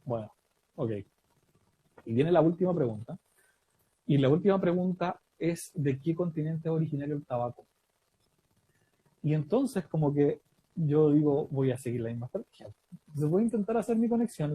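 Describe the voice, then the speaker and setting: A man from Chile with a Chilean accent, telling a lively story about a quiz show win, often laughing and acting out the dialogue. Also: mid-range voice, breathy edge, low-quality recording. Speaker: guest storyteller. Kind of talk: casual anecdote telling.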